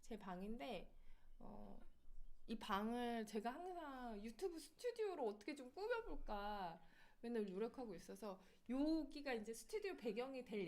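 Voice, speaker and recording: A woman hosting a casual livestream from her own room at home, lively and quick, often laughing as she talks. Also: on the high side. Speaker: livestream host.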